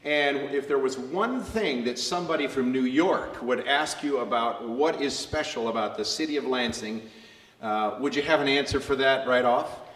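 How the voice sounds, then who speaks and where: A man's voice: mid-range voice, normal speed, a bit bright. A man from a church congregation asking a mayor questions, polite and a little hesitant. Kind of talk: informal questioning. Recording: roomy echoey church hall, faint noise.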